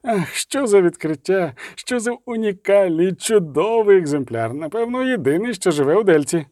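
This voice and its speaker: A man voicing an excitable, fussy male scholar who exclaims in shrill, drawn-out bursts. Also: dry recording, studio quality. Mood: ecstatic.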